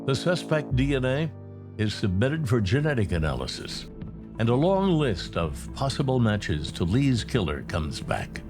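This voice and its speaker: A man reading scripted true crime narration in a dramatic, measured storytelling delivery. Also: mid-range voice, sing-song. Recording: music playing behind the narration.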